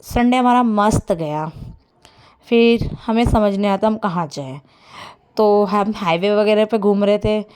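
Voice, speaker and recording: A young woman chatting excitedly as a vlogger, telling friends about a day out and laughing often. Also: mid-range voice, measured pace, clean tone. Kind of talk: casual vlog chat. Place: inside an auto-rickshaw on the road. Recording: loud road and vehicle noise.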